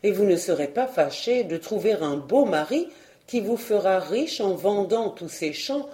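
A woman reading a storybook, voicing a vain scheming cousin, a colonel who talks smoothly and persuasively. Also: medium pitch, lively intonation, measured pace, dark tone, lightly acted.

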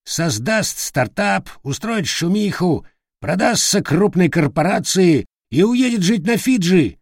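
A man voicing a sarcastic, teasing male parrot with a creaky, grating voice in an audiobook. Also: high voice, very animated, slow, no echo, studio quality, pitched above the performer's own voice, full character voice. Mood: smug. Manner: mocking, smug. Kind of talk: audiobook character voice.

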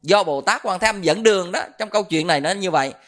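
A man's voice: high-pitched, fast talker, fairly bright tone. A middle-aged man with a Southern Vietnamese accent giving a Buddhist dharma talk as a monk, telling stories and quizzing his listeners with questions. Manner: storytelling, quizzes the audience with questions.

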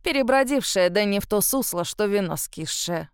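Woman playing a gruff ancient witch. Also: medium pitch, lively intonation, moderate pace, dry recording, studio quality, close to an everyday voice. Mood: grumbling. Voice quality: gruff, scolding. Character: grumpy ancient female witch.

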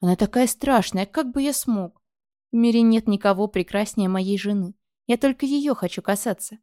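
A woman voicing a gentle, coaxing adult male dragon husband who speaks softly and tenderly, in a storybook reading. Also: mid-range voice, normal speed, no echo, studio quality, close to an everyday voice. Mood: pleading. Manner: soft, pleading, tender.

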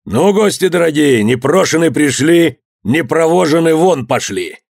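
Stern bossy old merchant dad barking gruff orders, a guy reading it, loud and mocking, dry close sound. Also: mid-range voice, sing-song, measured pace, no room sound, heavily acted. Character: stern domineering old merchant father, wrathful.

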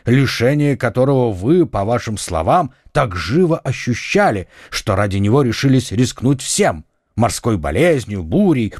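A man voicing a sardonic, cold middle-aged English lord in an audiobook, with a mocking, measured delivery. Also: mid-range voice, darkish tone, dry recording, clean studio sound. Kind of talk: audiobook reading.

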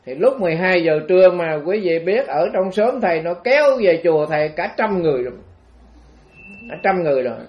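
A man's voice: high-pitched, animated, a little fast, highs cut off. A man with a Southern Vietnamese accent, a Buddhist monk telling a story in a dharma talk, rambling and conversational as he addresses the audience directly.

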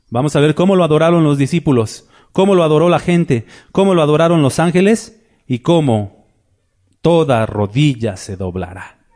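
A man preaches, his voice sitting a little high. He reads scripture and acts out the voices in the stories. He keeps checking in with rhetorical tag questions. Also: darkish tone. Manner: retells Bible scenes with shifting voices. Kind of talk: sermon with scripture reading.

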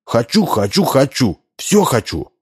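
A man voicing a spoiled, demanding little boy who shouts and whines in a storybook reading. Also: mid-range voice, big pitch swings, measured pace, husky, pitched above the performer's own voice, full character voice. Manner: shouting, whiny, insistent.

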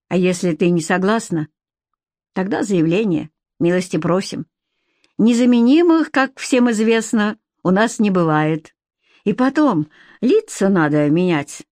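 A domineering middle-aged TV boss who talks down to everyone with mocking, lecturing condescension, as a woman reads him in an audiobook. The voice sits at a middling pitch, and the recording is close and dry. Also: darkish tone, no room sound, lightly acted. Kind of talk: audiobook character reading.

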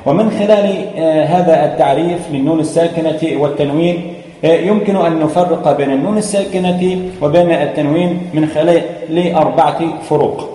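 A man with a slightly high, slightly quick voice and a warm tone teaches a Quran recitation lesson. He explains step by step, hesitates often, and chants verses. The room is echoey with a long reverb.

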